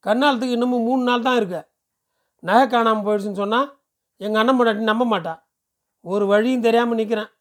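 A man's voice: very high voice, steady tone, fairly quick, pauses often, voice pushed up. A man voicing a distressed, pleading poor village woman who talks anxiously.

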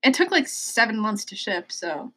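A woman's voice: on the high side, big pitch swings, moderate pace, sharp tone. A young woman co-hosting a podcast in casual chat, teasing her friend in a dry, bossy way. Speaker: podcast co-host.

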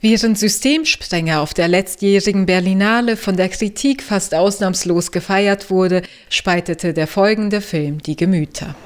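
A woman's voice: mid-range voice, moderate pace, hardly any pauses, smooth. A woman narrating prepared reviews as a podcast co-host. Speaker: podcast co-host giving film tips.

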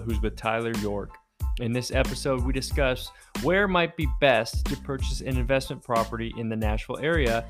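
American male podcast host, medium pitch. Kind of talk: podcast hosting, intro and interview.

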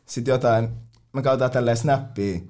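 A man's voice: medium pitch, fairly even intonation, a little mellow. A young man telling party stories in casual chat, full of slang and swearing, often mimicking other people.

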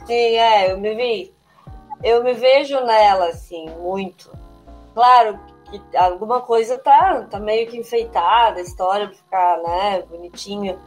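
A woman's voice: medium pitch, unhurried, faint music behind. A woman who writes children's books and teaches, chatting casually in an interview and often adding little tag questions. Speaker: children's book author and teacher.

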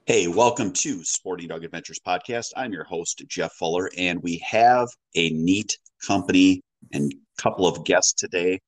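This is a man hosting a relaxed podcast conversation in a friendly, folksy way, with a light joke here and there. His voice sits very low. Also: normal speed, few pauses, dry recording, low-quality recording. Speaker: podcast host and dog breeder. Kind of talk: casual podcast interview.

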